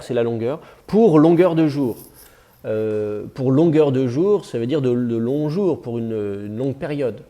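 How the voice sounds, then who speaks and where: A man teaching a class, explaining step by step with patience and many pauses and fillers. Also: mid-range voice, mellow. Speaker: Biblical Hebrew teacher.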